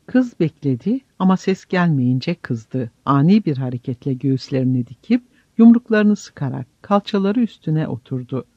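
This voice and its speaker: Brief: male audiobook narrator, expressive and dramatic, dry and lo-fi. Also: on the high side, moderate pace, slightly rough, dry recording. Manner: dramatic storytelling. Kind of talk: audiobook reading.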